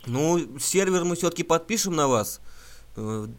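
A man making a prank phone call, talking in a deadpan, mock-earnest way and stumbling over words. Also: on the high side, measured pace. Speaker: prank caller.

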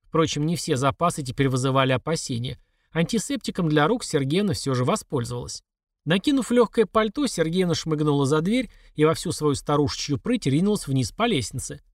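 A man narrating a darkly comic story in an expressive, mock-dramatic way. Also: fairly high pitch, brisk, dry recording, studio quality.

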